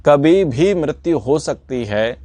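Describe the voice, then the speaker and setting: A man's voice: fairly high pitch, animated, slow, mellow, no room sound. A man teaching a scripture class in an earnest, sermon-like way, repeating his points for emphasis. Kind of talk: sermon-like lesson.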